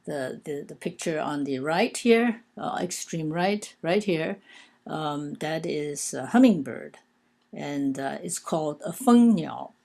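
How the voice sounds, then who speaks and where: A woman's voice: sits low, animated, takes it slowly, creaky, darkish tone. A woman teaching an informal language lesson, hesitant and full of fillers, counting and spelling things out aloud. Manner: hesitant, many fillers and restarts.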